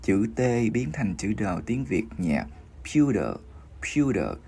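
Husky man teaching pronunciation slowly. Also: on the low side, animated, darkish tone. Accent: Vietnamese. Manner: slow, syllable-by-syllable modeling of English words. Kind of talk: pronunciation lesson livestream.

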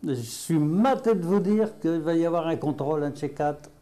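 A man's voice: a little high, expressive, normal speed, warm tone. A man with a Picard accent teaching patois words in a folksy, chatty way, full of fillers and chuckles. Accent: Picard (Hainaut). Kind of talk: casual spoken lesson.

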